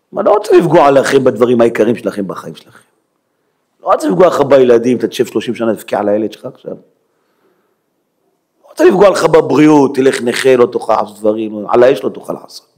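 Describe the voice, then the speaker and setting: Man, rabbi giving a sermon; dramatic delivery with hushed lows and loud peaks; mid-range voice. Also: huge pitch swings, vocal fry, long pauses, husky. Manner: dramatic, swings from hushed near-whisper to loud exclamations; emphatic, rhetorical questions. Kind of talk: Hebrew sermon.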